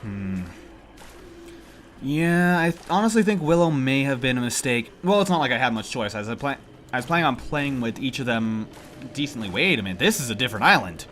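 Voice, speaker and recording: A man commentates on his own gameplay in a casual way, thinking aloud and grumbling, his nasal voice congested from allergies. His pitch is medium and sing-song, his pace a little fast, his tone a bit bright. Game music plays behind him.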